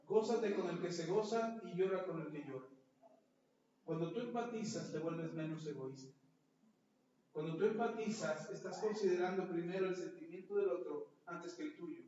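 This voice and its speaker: A man's voice: on the high side, normal speed, dark tone. A male pastor preaching a sermon, asking the congregation rhetorical questions and acting out the voices he quotes. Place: church. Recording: echoey church hall, mic far off, dull and noisy.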